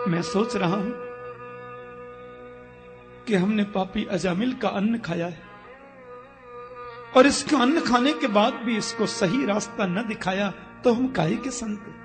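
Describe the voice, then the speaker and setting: A man playing a calm, patient elderly guru speaking kindly. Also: extremely high pitch, long reverb tail. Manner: gentle, patient.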